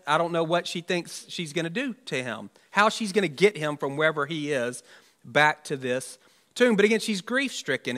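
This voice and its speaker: Bright-voiced man preaching conversationally. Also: fairly high pitch. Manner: conversational, wry asides, many restarts. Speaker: pastor. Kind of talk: sermon. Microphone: church livestream mic.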